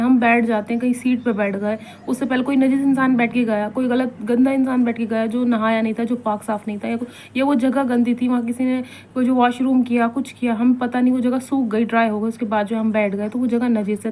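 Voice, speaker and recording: A woman's voice: on the high side, darkish tone. A woman giving an informal religious lesson, talking conversationally, repeating her points and asking rhetorical questions. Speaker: religious instructor.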